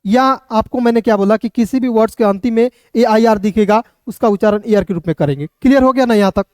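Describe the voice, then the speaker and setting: A man with a high, light voice gives an English reading lesson. He spells each word out letter by letter, slows down to drill it, and turns to his listeners with questions. The sound is close and dry, with no room echo. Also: darkish tone. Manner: drills words, spells them out letter by letter and slowly; keeps asking the viewers questions, calling them friends. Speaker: English teacher. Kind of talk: spoken phonics lesson for Hindi speakers.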